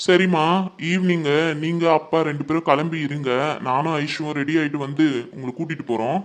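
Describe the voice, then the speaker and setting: A man playing a caring adult son who gently reassures his mother and sister. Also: fairly high pitch, fairly even intonation, brisk, natural voice.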